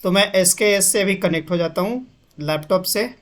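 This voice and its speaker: This casual screen-share tech tutorial is led by a young man whose voice sits high and a bit bright, at a moderate pace. He goes step by step through settings, dropping English terms into his explanations.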